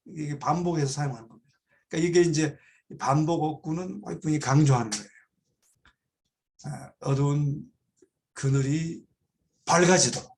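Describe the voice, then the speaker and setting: A man teaching a Bible study, reading English phrases slowly and explaining them, repeating key words for emphasis. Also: on the high side. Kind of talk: explaining an English text line by line.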